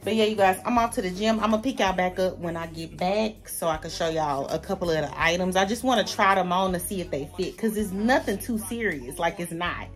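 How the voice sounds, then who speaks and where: A chatty woman in her thirties with a Southern US accent, talking casually to the camera at home. Her voice sits a little low and stays friendly and direct. Soft music plays faintly behind her. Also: fairly quick, few pauses. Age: 30s. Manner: chatty, playful, talks straight to viewers. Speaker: vlogger. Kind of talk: casual vlog chat to camera. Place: home bedroom.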